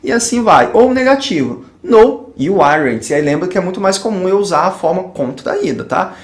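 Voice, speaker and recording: Man, teacher type, high and expressive voice, patient step-by-step explainer, recorded in an echoey room. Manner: explains patiently, often asking the viewer "tá?" and "ok?"; slows down sharply on English example phrases. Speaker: English teacher. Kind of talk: classroom lesson at a whiteboard.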